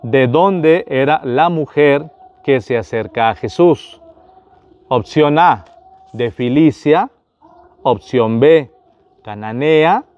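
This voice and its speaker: A man's voice: medium pitch, dull audio. A man, a priest, running a Bible quiz for his viewers, asking each question, repeating it, and speaking to them directly.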